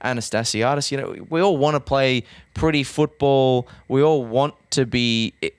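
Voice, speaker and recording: A quick, animated Australian man riffs on football with a joking edge. His voice is mid-pitched and recorded close and dry, with no room sound. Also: clear, resonant tone, no echo. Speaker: podcast co-host, football pundit. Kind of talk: casual podcast chat.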